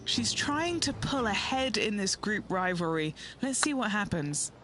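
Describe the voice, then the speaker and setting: A woman's voice: mid-range voice, very animated, unhurried. A woman voicing a chatty on-course golf commentator with informal reactions. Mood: chatty, engaged. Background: music.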